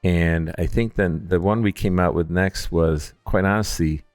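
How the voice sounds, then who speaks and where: A man with a very low voice tells stories in a casual interview, acting out what people said with a jokey, self-deprecating streak. His voice sounds dry and close, with faint music underneath. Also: measured pace, no room sound. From Upstate New York. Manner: animated storyteller who acts out quotes, jokey and self-deprecating. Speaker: distillery founder and distiller.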